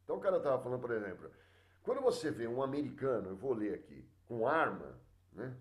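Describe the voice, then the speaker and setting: A middle-aged man with a Brazilian Portuguese accent teaching a sociology class live, chatting with his students and filling pauses with many hesitations. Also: medium pitch, big pitch swings, echoey room. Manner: chatty, addresses students directly, many fillers and restarts.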